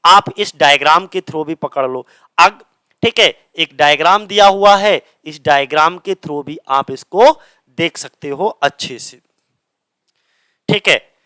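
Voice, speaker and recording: Male tutor, clear smooth voice, dry close sound, drills key terms by repetition. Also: fairly high pitch, slow, pushed and bright, no echo. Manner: asks questions and answers them himself, repeats key words. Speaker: teacher. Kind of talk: grammar lesson explaining in Hindi.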